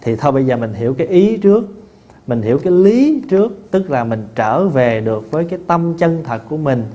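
Chatty monk giving a talk. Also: male voice, a little high, brisk, lo-fi sound. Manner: folksy and conversational, with many fillers and restarts; tells lively anecdotes with laughter. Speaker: Buddhist monk teacher. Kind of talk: dharma talk answering questions.

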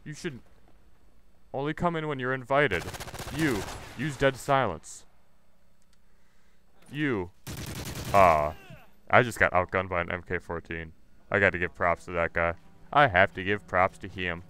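A man's voice: low-pitched, a little slow, pauses often, sharp tone, a little hiss or hum. A man giving live gameplay commentary, ranting and swearing with irritation as he plays. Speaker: gaming channel host.

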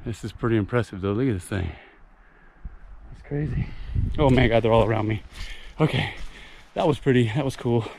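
A man with a mid-range, darkish voice speaks fairly quickly in casual trail narration. He's a hiking vlogger filming as he walks a rocky wooded canyon, tossing out short exclamatory remarks to himself. The outdoor recording picks up clear handling and nature noise.

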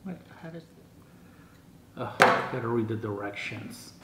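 In a mid-range, animated voice at a measured pace, a vlogger in his sixties chats casually through an unboxing, reading things aloud and puzzling over them as he goes. He's at home in the dining room, filmed by a camera across the table; the audio is clear with a roomy echo.

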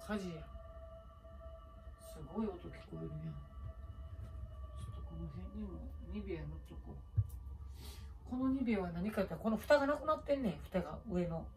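A woman's voice: medium pitch, animated, a little fast, long pauses, over music. A middle-aged woman with a Kansai accent chatting casually late at night. She rambles through stories, mocks herself and talks while doing a face pack. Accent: Kansai Japanese. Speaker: YouTuber.

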